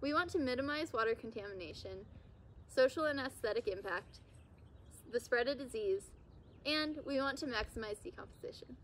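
Out in a backyard, an outdoor skills instructor records a scripted instructional video, captured by a camera mic. She is a young woman with a fairly high voice, speaking at a moderate pace in an upbeat, playfully deadpan style, while a faint outdoor hush and slight background noise linger.

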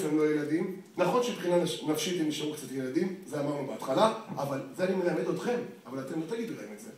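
A man with a high voice lectures parents, and he keeps firing rhetorical questions at them. He sounds far from the mic, and the sound rings around a very echoey hall. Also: slight background noise. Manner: lively, fires rhetorical questions at the audience.

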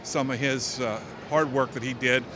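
Middle-aged man over clear arena noise. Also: medium pitch, fairly even intonation, normal speed. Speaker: state legislator and fundraiser organiser. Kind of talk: informal event interview. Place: large indoor horse show arena. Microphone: handheld interview microphone.

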